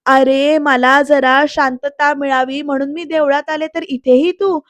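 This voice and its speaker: A woman's voice: high voice, level tone, unhurried, no room sound. A woman voicing an upset young woman pleading to be left alone, in a serial recap.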